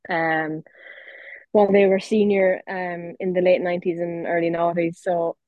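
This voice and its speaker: Woman, west of Ireland accent, interview guest. Fairly flat delivery, hesitant and self-correcting, close dry sound. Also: fairly low pitch, normal speed, dry recording. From County Clare, west of Ireland. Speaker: guest, Gaelic footballer and athlete. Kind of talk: casual interview chat. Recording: dull lo-fi audio with little room.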